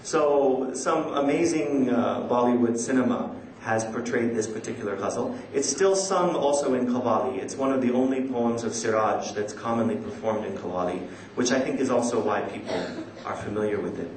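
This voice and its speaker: Here a mid-range voice with a darkish tone delivers a conference paper in a large indoor hall, mixing scholarly lecture with poetry recitation. The man is measured, somewhat hesitant, and self-deprecating, and he quotes Urdu without being a native speaker. Expect echo and background noise.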